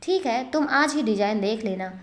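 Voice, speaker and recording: A woman's voice: on the high side, expressive, normal speed, natural voice. A woman voicing a stern grandfather who worries about his family company, in a storybook reading. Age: older.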